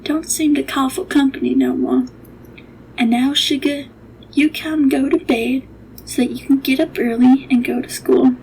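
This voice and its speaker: A woman playing a gentle old nursemaid. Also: high-pitched, steady tone, normal speed, a little hiss or hum, rough recording. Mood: hushed. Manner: soft, hushed, often breathy whisper. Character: older woman servant, gentle storyteller nurse.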